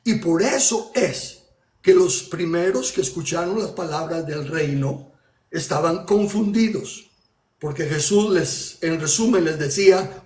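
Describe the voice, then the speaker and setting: Male preacher, high voice, emphatic sermon delivery, echoey room. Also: a little mellow. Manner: emphatic, with rhetorical questions and repetitions.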